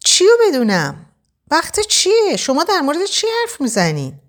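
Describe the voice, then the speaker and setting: A woman's voice: high voice, huge pitch swings, fairly bright tone, pitched above the performer's own voice, exaggerated voice. A woman voicing a stubborn young man who insists on answers, pressing and confrontational. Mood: bewildered.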